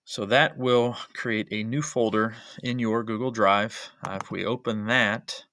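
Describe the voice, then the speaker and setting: A man's voice: fairly low pitch, fairly even intonation, unhurried, pushed and bright, no room sound, studio quality. A male history teacher narrating a screen-recording tutorial as a voice-over, explaining each step methodically with frequent "uh" and "um" fillers.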